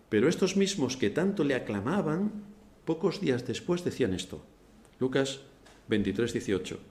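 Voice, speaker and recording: A man preaching a sermon as pastor, animated, with rhetorical questions and sudden loud outbursts. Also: medium pitch, roomy sound. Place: church hall.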